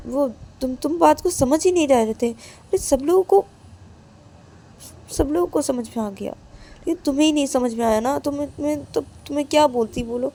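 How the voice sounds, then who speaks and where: A woman's voice: sits high, moderate pace, warm tone. A woman voicing Siya, a quarrelsome young wife. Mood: scolding. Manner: scolding, repeats her words. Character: young wife, quick to argue and to apologise. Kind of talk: storytelling with acted dialogue.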